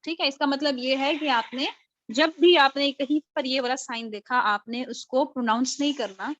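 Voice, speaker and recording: A woman with a high, fairly bright voice teaches a live online recitation class, breaking things down step by step and responding to questions she raises herself. The recording is dry. It comes through a video call with dull, lo-fi sound.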